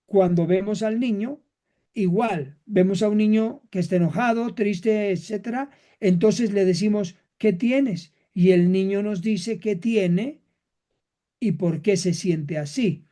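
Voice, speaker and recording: A male teacher lecturing counseling students in measured, list-like phrases, asking rhetorical questions and often clearing his throat. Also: high voice, warm tone.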